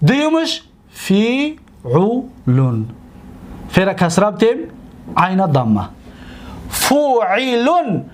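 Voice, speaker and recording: Tajik-accented male teacher, lively melodic delivery, stretches out example words. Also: high-pitched. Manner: slow, drawn-out on example words; questions the listeners and answers himself. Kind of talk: grammar lesson.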